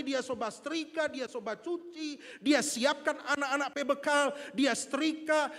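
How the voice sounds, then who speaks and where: A male pastor, preaching a sermon to a congregation in a lively storytelling way, asking them questions. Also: extremely high pitch. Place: large church hall. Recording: church hall reverb.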